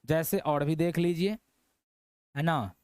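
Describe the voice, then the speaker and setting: Guy teaching english grammar, highish voice, keeps going "है ना" and quizzing you, dry close sound. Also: slow pace, darkish tone, clear, resonant tone, no room sound. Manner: repetitive, checking in with "है ना" and quizzing the viewer. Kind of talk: classroom-style lesson.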